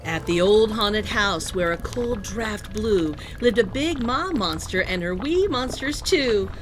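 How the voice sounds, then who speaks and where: A woman reading a children's picture book aloud in an animated, sing-song storytelling manner. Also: mid-range voice, unhurried, rough recording. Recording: music playing behind the voice. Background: music.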